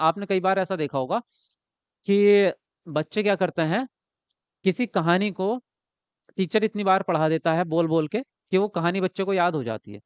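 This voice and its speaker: A man's voice: sits high, smooth, no echo, lo-fi sound. A man teaching an exam-prep lesson, asking questions and answering them himself, often ending points with a checking tag.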